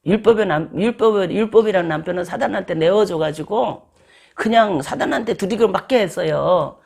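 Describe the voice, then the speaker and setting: A preacher giving a sermon in a lively storytelling way, often acting out voices in quoted lines. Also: medium pitch, fairly quick, gravelly, breathy edge.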